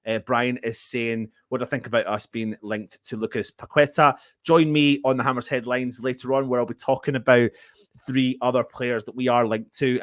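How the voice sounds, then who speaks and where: A man's voice: medium pitch, no echo, clean studio sound. Man hosting a casual football livestream. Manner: chummy, greets viewers as mate. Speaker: host of a football fan live show. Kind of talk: casual live-stream chat and news commentary.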